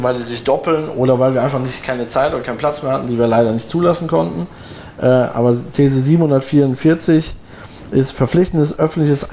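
This forties-aged man explains poll results to viewers from a seat indoors, in a room with window blinds, guiding them through a results screen. His mid-range voice is a little mellow, and his delivery is casual and chatty, packed with fillers and restarts. There's slight background noise.

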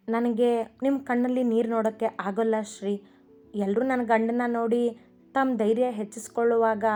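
A woman's voice: fairly high pitch, natural voice. A woman voicing a caring, chiding young wife. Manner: concerned, gently chiding. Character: affectionate young wife, caring and gently scolding. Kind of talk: storybook narration with voiced characters. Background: faint music.

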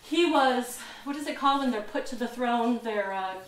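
A woman docent gives a relaxed history talk, chatting easily and laughing at her own slips. Her voice sits somewhat high. She is picked up from a distance in a roomy, echoing space with faint noise underneath. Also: normal speed. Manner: chatty, laughs at herself, loses words. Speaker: museum docent. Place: museum lecture room. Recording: echoey room, mic far off.

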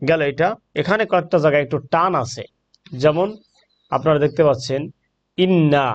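Bangladeshi guy teaching quran recitation, bit high voiced, drags out the arabic slow, muffled lo-fi audio. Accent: Bangladeshi Bengali. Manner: slow, drawn-out chanting of Arabic verses between explanations; patient, repeats points to the viewers. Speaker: Islamic teacher.

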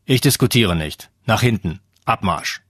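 A man doing a hoarse, barking hulk of a teacher. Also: lowish voice, expressive, unhurried, fairly bright tone, dry recording, studio quality. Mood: commanding. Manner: barking, sarcastic commands. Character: hoarse hulking male teacher in his fifties, volatile.

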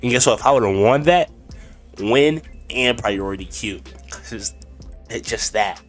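This young streamer sounds sick and congested as he gives casual gameplay commentary, chatting to his audience and to himself. His voice is mid-range and a little slow, picked up at home on a desk mic with a headset over game music and sound effects.

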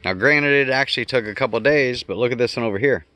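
Quick and bright with a pushed, mid-range voice, the homestead vlogger explains things off the cuff as he strolls his garden yard outdoors. He thinks aloud and fixes his own wording as he goes; no echo is present.

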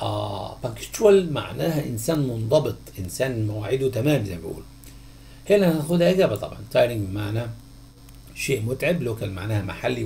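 Gravelly Egyptian man teaching English. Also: medium pitch, warm tone, slight background noise. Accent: Egyptian Arabic. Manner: questions the class, then answers himself in a drawn-out voice. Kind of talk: textbook answer walkthrough.

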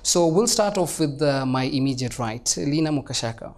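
A man's voice: medium pitch, expressive, normal speed, a little mellow. A young man moderating a live panel discussion on an indoor conference stage, chatty and joking, with many fillers. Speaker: moderator and presenter.

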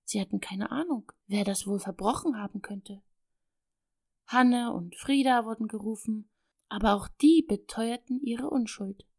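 A woman narrating an audiobook of a classic children's story, expressive and storytelling, dipping into soft whispers. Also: on the high side, measured pace, no room sound, clean studio sound.

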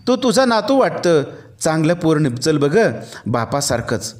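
A man's voice: a little high, big pitch swings, unhurried. A man voicing a teasing village man on horseback who jokes at the others' expense. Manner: joking, mocking.

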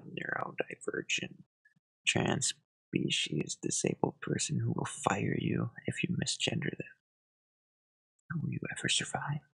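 A soft-spoken ASMR host in close-mic whispers, reading satirical headlines and adding dry deadpan asides. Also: medium pitch, gravelly, breathy edge, rough recording. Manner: reads headlines, then adds wry deadpan asides.

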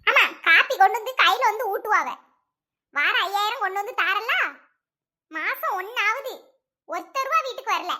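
A woman's voice: very high voice, animated, normal speed, long pauses, bright, forceful tone, heavily acted. A woman playing a fed-up village wife who scolds her husband. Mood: scolding. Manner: scolding, sarcastic. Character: nagging village wife, sharp-tongued and fed up.

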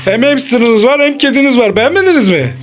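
A fast-talking, animated host of a family play video grants wishes while playing an improvised make-believe game with children, exclaiming, teasing and repeating phrases. The voice is mid-range, and loud music plays in the background.

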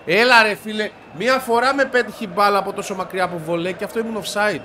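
A man with a stuffy, congested voice giving excited commentary as he plays a football video game, shouting and grumbling at the match. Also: sits high, slight background noise. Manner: shouts and yelps at the game, frustrated outbursts. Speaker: gaming video creator.

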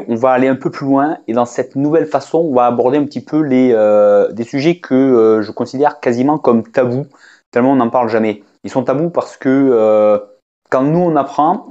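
French-speaking male teacher, casual talk to camera, halting and chatty, slightly muffled recording. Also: mid-range voice, dark tone. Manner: hesitant, many fillers and restarts, conversational. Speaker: English teacher. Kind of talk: casual spoken lesson to camera.

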